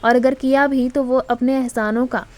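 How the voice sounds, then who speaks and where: A woman storyteller reading a romantic serial as a steady, scripted audiobook narration. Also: high-pitched, moderate pace.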